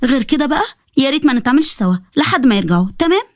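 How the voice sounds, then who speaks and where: Bossy young egyptian woman from a storybook, snappy retorts, rather high voice, very fast, dry, as a woman plays her. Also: animated, no room sound. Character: sharp-tongued young woman, feisty college student.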